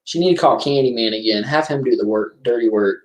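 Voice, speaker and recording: A man's voice: mid-range voice, brisk. A man hosting a casual live-stream movie commentary, chatty and rambling, often correcting himself as he talks. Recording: roomy echo.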